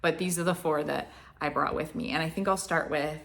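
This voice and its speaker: A Florida woman with a light American Southern accent vlogs casually to camera, meandering with lots of restarts and fillers. Her voice sits low and is slightly bright and creaky, with fairly even intonation and a brisk pace.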